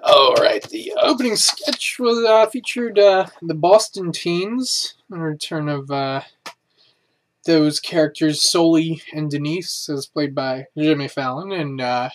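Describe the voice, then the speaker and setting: A man reviewing a comedy show in a casual, halting way, with many filler words. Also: on the high side, slight background noise.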